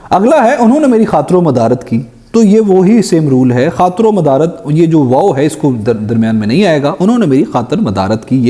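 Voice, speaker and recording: A young man teaching a grammar lesson for exam preparation. His voice sits somewhat high and moves around a lot, with a dark, mellow tone. He reads each sentence slowly before explaining the correction, dropping in English phrases. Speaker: Urdu teacher.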